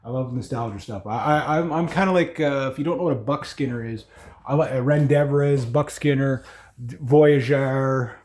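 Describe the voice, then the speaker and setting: Man, casual vlogger, informal, rambling, halting self-interruptions, echoey indoor room. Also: medium pitch, darkish tone, slight background noise. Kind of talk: casual rambling house-tour vlog. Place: indoors in an old house room.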